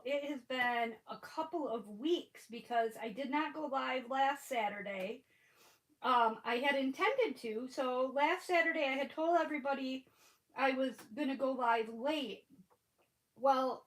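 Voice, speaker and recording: A woman with a high-sitting voice, captured in poor audio, hosts an informal crafting livestream from home. She has a stuffy, sniffly head cold but keeps chatting and rambling, breaking into laughter often.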